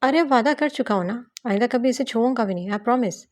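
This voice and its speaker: A woman's voice: fairly high pitch, darkish tone, pitched above the performer's own voice, close to an everyday voice. A woman voicing a playful, teasing young husband while reading a novel aloud.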